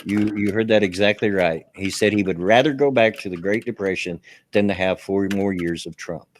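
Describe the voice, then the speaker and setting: This podcast host, a man with a Southern US accent, keeps the political talk casual, chuckling a lot and stammering through restarts. His voice is lowish and his pace moderate, with slight background noise.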